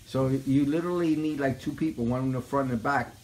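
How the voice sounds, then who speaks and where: A man's voice: medium pitch, quick pace, darkish tone, slight background noise, poor audio. A man filming a casual home video, explaining step by step with many fillers as he works on a project. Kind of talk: casual unboxing and DIY talk. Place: living room at home. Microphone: handheld phone camera.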